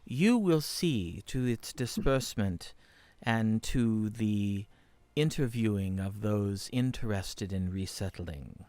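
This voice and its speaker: A man voicing a formal council leader who speaks in measured, ceremonial phrases. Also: lowish voice, animated, a little mellow, dry recording. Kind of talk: tabletop role-play voice.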